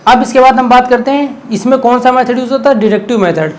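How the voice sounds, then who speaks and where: A male teacher giving an exam-prep lecture in a relaxed, conversational tone. He explains by asking himself questions and keeps checking in with "okay?". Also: extremely high pitch, quick pace.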